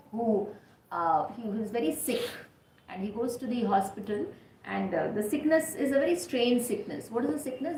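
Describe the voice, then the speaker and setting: A woman's voice: medium pitch, slight background noise. Woman giving a conversational spiritual talk. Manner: conversational, asks the audience rhetorical questions. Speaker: devotional speaker. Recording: roomy hall recording.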